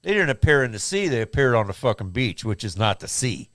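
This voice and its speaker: A man's voice: medium pitch, big pitch swings, fairly quick, a bit bright, dry recording, clean studio sound. A man in his sixties co-hosting a casual podcast, reading news stories aloud with crude asides and frequent laughs. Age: 60s.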